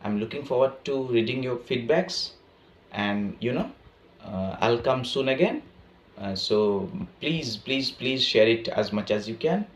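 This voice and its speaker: A man's voice: mid-range voice, measured pace. A man from Odisha with an Odia accent and Odia as his first language, giving a spoken English pronunciation lesson and mixing in Hindi. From Odisha, India. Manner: mixes Hindi into English, repeats "right?". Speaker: English teacher.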